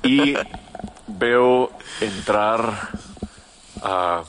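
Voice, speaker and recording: A young man telling a story in casual, slangy chat, animated and full of restarts. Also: lowish voice, very slow, slight background noise.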